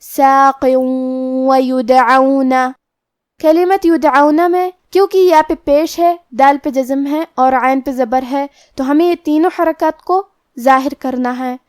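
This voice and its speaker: A woman teaching tajweed, explaining each letter and pronunciation rule step by step in a measured way. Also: high-pitched, warm tone, no echo, studio quality. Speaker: Quran recitation teacher. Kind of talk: tajweed lesson.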